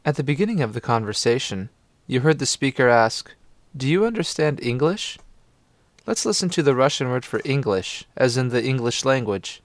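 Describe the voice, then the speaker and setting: A man narrates a scripted language lesson in a patient, steady way, prompting the listener to listen and repeat. His voice sits in a middle pitch. The sound is dry and close. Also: normal speed, no room sound.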